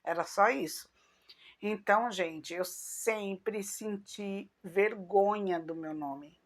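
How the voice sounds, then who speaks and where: A middle-aged woman with a Brazilian accent telling personal stories to her followers in an unhurried, chatty way. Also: medium pitch. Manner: unhurried, chatty, acts out remembered dialogue. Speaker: vlogger.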